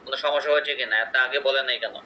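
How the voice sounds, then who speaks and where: Bright-voiced man teaching online. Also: mid-range voice, steady tone, very fast, lo-fi sound, a little hiss or hum. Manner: conversational, checks in with students often. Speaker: English teacher. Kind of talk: online pronunciation class.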